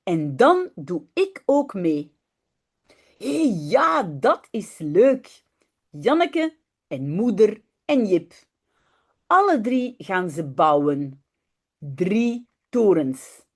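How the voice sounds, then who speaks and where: Woman teacher, storybook reader, slow pace, very animated pitch. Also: slightly rough. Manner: slow, very lively storybook reading with shifting character voices; quick, chatty explaining between readings. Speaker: Dutch teacher. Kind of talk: reading a children's story aloud, then explaining.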